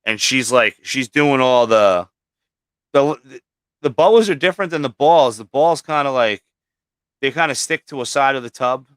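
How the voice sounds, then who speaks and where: A man's voice: medium pitch, lively intonation, moderate pace, a bit bright, clear, resonant tone, no room sound. A man hosting a livestream about breeding snakes, chatting casually, with frequent fillers and swearing. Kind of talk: casual chat.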